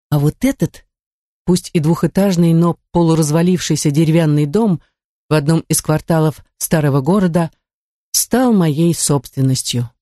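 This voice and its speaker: A woman's voice: low voice, dark tone, dry recording, clean studio sound. A woman reading an audiobook in the first person, with a wry, ironic storytelling manner. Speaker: audiobook narrator.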